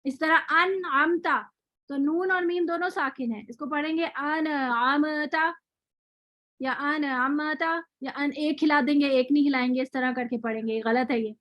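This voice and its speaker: High-voiced woman teaching tajweed. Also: steady tone, a bit bright, no echo. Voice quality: patient, repeats example words slowly. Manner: frequent fillers and self-corrections. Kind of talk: online lecture with recap.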